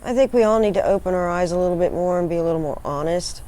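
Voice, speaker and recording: A woman's voice: lowish voice, fast, dark tone. A woman speaking reflectively as an interviewee.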